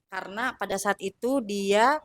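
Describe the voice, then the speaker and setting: A woman recounting her time as a flight attendant in a casual, halting way with many fillers. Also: medium pitch. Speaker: former flight attendant guest. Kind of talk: casual storytelling.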